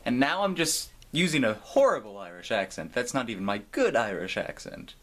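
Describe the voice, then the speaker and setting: A man's voice: medium pitch, lively intonation, normal speed, a bit bright. Rambling sarcastic young man vlogging. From United States. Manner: rambling, sarcastic, swears casually. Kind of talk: casual vlog talk to camera.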